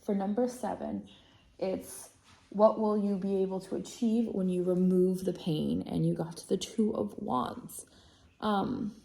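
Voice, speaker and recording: A woman's voice: mid-range voice, fairly even intonation, measured pace, creaky, dark tone, reverberant. A woman giving a casual tarot reading to camera, chatty and rambling, often correcting herself and apologizing while checking her notes. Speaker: tarot reader.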